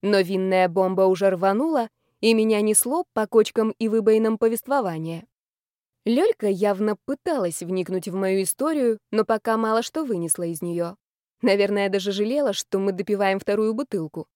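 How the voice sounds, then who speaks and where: A woman reading an audiobook in an expressive first-person narration. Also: mid-range voice, moderate pace, no room sound, studio quality. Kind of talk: scripted narration.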